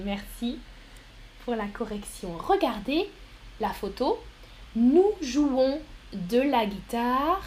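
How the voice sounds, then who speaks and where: A woman's voice: on the high side, darkish tone, slight background noise. A woman teaching a live online French lesson, spelling words letter by letter and praising students by name. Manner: encouraging, calls out students by name.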